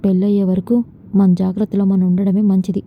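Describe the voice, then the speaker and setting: A woman's voice: mid-range voice, little pitch movement, fairly quick, lightly acted. Scheming middle-aged mother, woman reading, stern, warning, faint hiss. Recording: dull lo-fi with faint noise.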